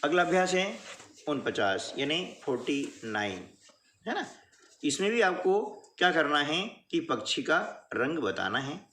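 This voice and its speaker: A man teaching a workbook lesson in a patient, slow classroom manner, often checking in with the listener. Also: fairly high pitch, big pitch swings, pushed and bright. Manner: patient, repeats "है ना" and "ठीक है" often.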